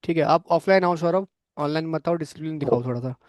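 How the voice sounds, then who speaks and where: A young man leads a programming class, speaking bluntly but encouragingly to students in the room and online. His voice sits a little high, and the recording is dry with almost no room sound. He keeps pausing to check that everyone is following. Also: no room sound. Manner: frank, coaching tone, frequent "theek hai" check-ins. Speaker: programming course instructor.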